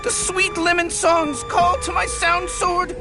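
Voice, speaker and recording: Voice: very high-pitched, flat delivery, takes it slowly, over music, heavily acted. An actor voicing a pompous, huffy lemon earl who speaks formally in a cartoon. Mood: indignant. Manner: formal, shrieking indignation. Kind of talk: cartoon voice acting.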